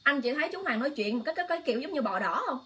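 High-voiced impassioned woman livestreamer. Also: animated, racing, a bit bright. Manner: impassioned, exclaiming, addresses viewers directly. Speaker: online livestream host. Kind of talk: emotional political talk to viewers.

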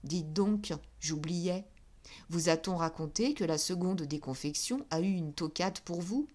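A woman voicing a thin, cold and envious male shop clerk who speaks low and slyly. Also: unhurried, a little mellow. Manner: low-voiced, sly.

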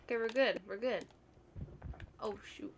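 A woman's voice: fairly high pitch, heavy background noise. A woman playing a co-op video game, chatting casually and laughing often. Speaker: gamer. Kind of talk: casual co-op gameplay chat.

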